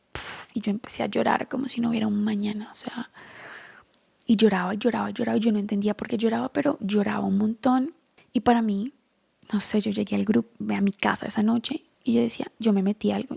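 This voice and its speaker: Whispering woman with a gravelly, husky voice. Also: on the high side. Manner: hushed, mostly whispered storytelling; earnest, direct address to the viewer. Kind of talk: personal faith testimony.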